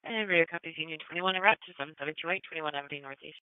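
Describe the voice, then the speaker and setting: A man's voice: a little high, very fast, clean tone, no echo. Man dispatching over police radio. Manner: clipped, formal radio codes. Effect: police radio transmission. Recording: tinny, narrow radio band.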